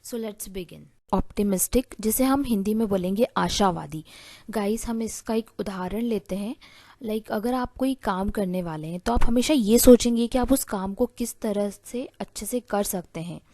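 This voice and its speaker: A woman teaching English vocabulary, explaining words and reading each example sentence slowly and carefully twice. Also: medium pitch, dark tone, no room sound. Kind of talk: vocabulary lesson.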